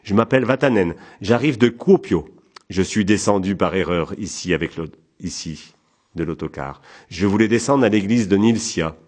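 A man's voice: low voice, normal speed, a little mellow. A man reading the part of a polite, weary male traveller, in a mild, easygoing, hesitant way.

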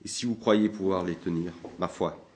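A man's voice: low-pitched, normal speed, darkish tone, a little hiss or hum, close to an everyday voice. A man voicing a timid, worried village barber who complains anxiously, in a storybook reading.

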